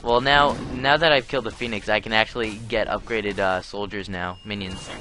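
A man's voice: fairly low pitch, fairly even intonation, fairly quick. A teenage boy casually commenting on his gameplay, playful and taunting, with music under his voice. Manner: playful, taunting, trash-talks game enemies.

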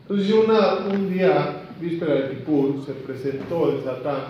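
Male rabbi acting out a lesson story, slightly high, recorded far off in an echoey room. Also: lively intonation, normal speed, a little hiss or hum. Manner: dramatic, acts out quotes. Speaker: rabbi teaching Talmud stories. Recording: echoey room, distant dull mic.

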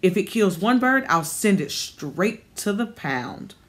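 A woman reading an audiobook voices a disapproving, nosy woman of eighty-eight who speaks in slow, clipped, scolding words. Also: medium pitch, very animated. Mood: stern, scolding.

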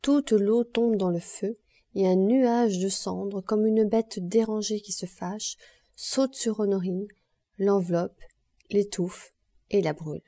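Mellow-voiced woman reading an audiobook. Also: medium pitch, fairly even intonation, slow, no echo, clean studio sound. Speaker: audiobook reader. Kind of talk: audiobook narration.

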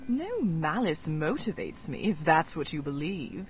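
A woman voicing an arrogant, cold female Red Wizard in a fantasy game, speaking in measured threats. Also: sits low, big pitch swings, faint music behind, exaggerated voice. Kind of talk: game voice acting.

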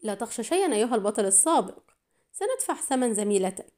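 Brief: woman reading a taunting villain, mellow higher voice, storybook thriller. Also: sing-song, fast talker. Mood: mocking. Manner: mocking, taunting. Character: sneering tall lean male villain agent.

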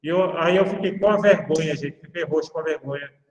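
A man's voice: a little high, brisk. A man with a Brazilian Portuguese accent, a law professor giving a university lecture and speaking straight to his students in a chatty way. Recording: reverberant room, voice far from the mic.

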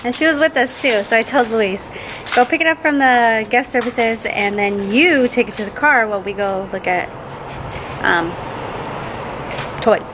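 A family vlogger and mother in her twenties talks casually to a camera held at arm's length, two days after having her wisdom teeth removed. Her fairly high, slightly bright voice moves at a moderate pace with long pauses. She films in her home kitchen, her front yard and a parked or moving car, and the rough recording picks up clear household and car hum.

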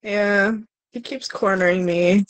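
A woman's voice: medium pitch, steady tone, takes it slowly, no echo, poor audio. A young woman co-playing a horror game on a live stream, swearing, yelping and laughing as she plays. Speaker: co-player. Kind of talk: live-stream gaming chat.

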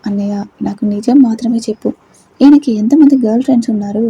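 Netra, a fiery jealous young wife, scolding, pointed questions, very husky breathy voice, mellow dark tone, as a woman storyteller puts her on. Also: fairly high pitch, brisk, poor audio. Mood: angry.

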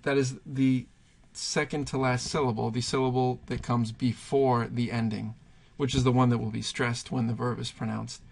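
A man's voice: medium pitch, flat delivery, normal speed, vocal fry, hardly any pauses, darkish tone. A man teaching Spanish verb conjugations, patiently thinking aloud and pointing things out as he writes. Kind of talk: explaining grammar at a whiteboard.

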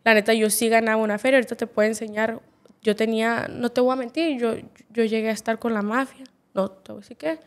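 A young Mexican woman in her twenties with a somewhat high voice, talking as a podcast guest. She tells her story candidly and bluntly, peppering every sentence with slang and curse words. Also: steady tone, quick pace. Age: 20s. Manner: blunt, swears constantly, slangy.

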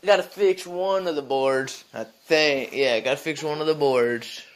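A teenage man filming a casual farm vlog on his phone, rambling as he shows off the barn, the animals and a trailer. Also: a little slow. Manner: rambling, talks to the animals in a high baby voice. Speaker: farm vlogger. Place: outdoors on a farm and in an open wooden barn. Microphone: phone camera held at arm's length.

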